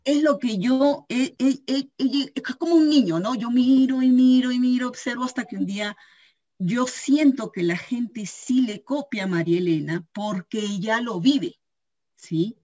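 A woman giving an informal training talk on a video call, telling lively anecdotes and acting out the voices of the people in them. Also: fairly high pitch, a little slow. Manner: animated storytelling, acting out quoted voices, frequent "¿sí?" check-ins. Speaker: cooperative store member giving a training talk.

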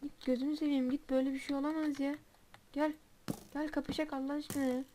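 A woman's voice: sits high, flat delivery, brisk, warm tone. A woman commenting on her own gameplay, grumbling and exclaiming in frustration. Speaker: gamer. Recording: noisy home mic with keyboard clicks. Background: keyboard clicks.

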